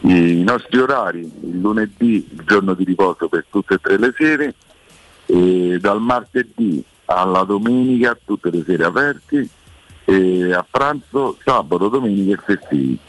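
A man with a hoarse voice that is giving out, talking haltingly and informally as a restaurant owner promoting his place on the radio. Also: low-pitched, expressive, no room sound, poor audio. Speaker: restaurant owner, guest caller on a radio show.

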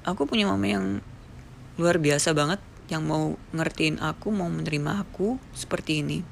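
A gravelly, creaky-voiced speaker in their thirties from Papua tells a personal story straight to camera. The delivery is earnest and emotional, with quoted conversations acted out along the way. A faint hiss of background noise sits under the voice. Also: mid-range voice, normal speed. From Papua, Indonesia.

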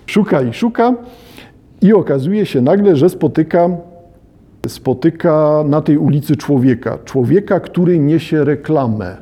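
A man's voice: a little high, lively intonation, a little slow, dark tone, husky. A man lecturing on a novel, reflective in tone, reading passages aloud and addressing his listeners directly.

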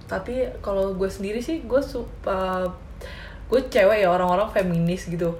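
A woman's voice: mid-range voice, normal speed, far from the mic, a little hiss or hum. Young woman chatting in an echoey room. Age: young adult. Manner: animated storytelling, acts out quoted parents. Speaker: college student. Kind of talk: casual group chat.

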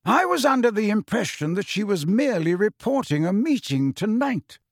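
A man voicing a calm, courteous, very old male headmaster who speaks with polite irony. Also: sits high, dry recording, studio quality, pitched above the performer's own voice, exaggerated voice. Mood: ironic. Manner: politely ironic, measured.

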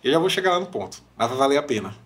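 A young Brazilian man talks on a podcast, spinning stories with real enthusiasm. His voice sits at an ordinary middle pitch. He slips into the people he quotes as he goes. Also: rapid-fire. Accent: Brazilian Portuguese. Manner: animated storyteller, acts out quoted voices. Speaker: podcast guest, worship minister. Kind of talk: casual podcast chat.

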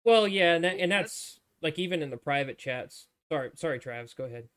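A man's voice: fairly high pitch, animated, brisk, a bit bright, dry recording. A man talking casually on a podcast, emphatic and often repeating words as he restarts. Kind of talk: casual chat.

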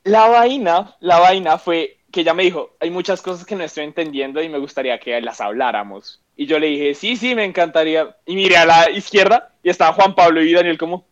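Animated young man telling a story, lo-fi. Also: on the high side, fairly quick, hardly any pauses. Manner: animated, acts out quotes, swears freely. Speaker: podcast co-host. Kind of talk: casual storytelling among friends. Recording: dull lo-fi sound.

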